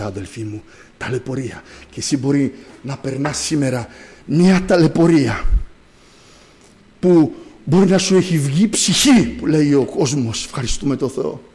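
A man's voice: fairly high pitch, darkish tone. A man preaching a sermon earnestly, asking rhetorical questions and addressing listeners as brothers.

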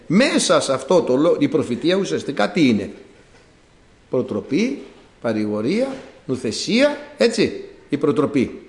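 Animated male preacher in an echoey room. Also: fairly high pitch. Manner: animated storytelling, acting out the quoted characters. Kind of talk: sermon retelling a Bible story.

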